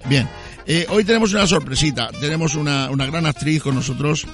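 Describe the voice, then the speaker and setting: A man's voice: fairly high pitch, fairly quick, music in the background. A man hosting a playful talk show on an outdoor terrace, joking and rambling as he goes. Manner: joking, rambling, self-interrupting. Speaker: host.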